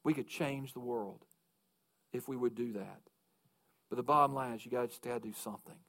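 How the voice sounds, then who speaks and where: A man delivering a sermon as a pastor, with a voice of ordinary pitch. He tells stories earnestly and then climbs into fervent, urgent calls to commitment. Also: brisk, gravelly, fairly bright tone. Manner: earnest storytelling that builds to fervent exhortation.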